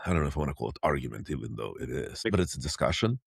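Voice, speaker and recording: Deep gravelly man hosting a podcast. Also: rapid-fire, no room sound, clean studio sound. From Ukraine. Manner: animated storyteller, asks open questions. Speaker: podcast host. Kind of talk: conversational interview.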